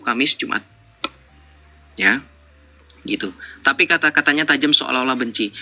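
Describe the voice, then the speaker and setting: A man's voice: medium pitch, bright, forceful tone. A man hosting a live online debate, lecturing callers with mocking rhetorical questions. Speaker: live-stream debate host.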